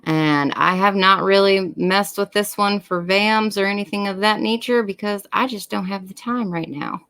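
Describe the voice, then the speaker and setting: A woman's voice: medium pitch, steady tone, moderate pace, fairly bright tone. A woman hosting a live online coin sale, calling bids and thanking buyers by name from home. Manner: friendly, calls out bidders by name. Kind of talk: live auction selling.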